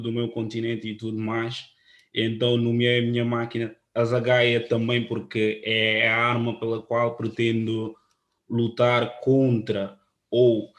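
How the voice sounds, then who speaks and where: Guy from presenting at an online panel, earnest, pretty flat voice, lots of ahs. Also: medium pitch. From Guinea-Bissau. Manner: earnest, halting, with many fillers. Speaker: panel speaker, photographer.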